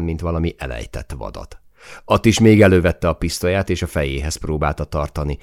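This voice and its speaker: A man reading a first-person audiobook in a tense manner, rising to shouts in the dialogue. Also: extremely low pitch, dry recording, clean studio sound. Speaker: audiobook narrator.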